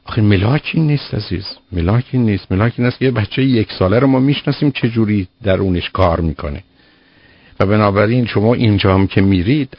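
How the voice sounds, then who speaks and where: A man's voice: on the low side, no room sound. Firm lecturing man on radio. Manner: firm, lecturing, explains with everyday examples. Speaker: child psychologist answering a caller. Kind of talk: radio call-in advice. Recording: dull lo-fi radio broadcast.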